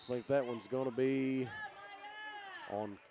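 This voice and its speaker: A man's voice: medium pitch, steady tone, a crowd in the background. Guy calling hoops play by play, clipped calls, noisy gym behind him. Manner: rapid terse play calls, rising when shots fall. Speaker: play-by-play announcer. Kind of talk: basketball play-by-play commentary.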